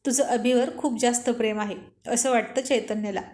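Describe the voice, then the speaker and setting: A woman's voice: fairly high pitch, steady tone, normal speed, darkish tone, roomy sound, lightly acted. A woman doing a playful teasing young man. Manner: playful ribbing.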